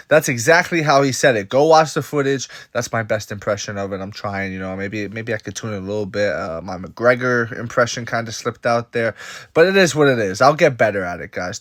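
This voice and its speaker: A man giving a casual, opinionated MMA commentary who talks in an animated way and repeats his points. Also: lowish voice, no room sound, studio quality.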